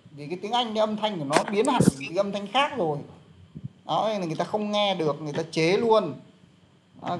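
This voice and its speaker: Một người đàn ông dạy tiếng Anh, giảng giải kiểu trò chuyện thân mật với nhiều từ đệm. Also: male voice, high-pitched, creaky, darkish tone, slight background noise. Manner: chatty explaining, many fillers. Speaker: English teacher. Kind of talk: casual online lesson.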